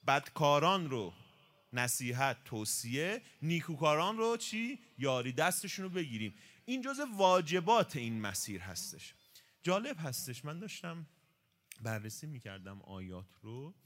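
A man's voice: a little high, very animated, a bit bright. A man giving a conversational religious talk, explaining points and posing rhetorical questions that he answers himself. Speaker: religious lecturer.

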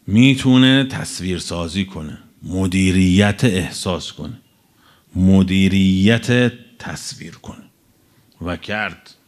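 A man preaching a religious sermon to a live audience, stretching out key phrases for emphasis and then rushing through quick asides. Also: low-pitched. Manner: animated, swinging between drawn-out emphasis and quick asides.

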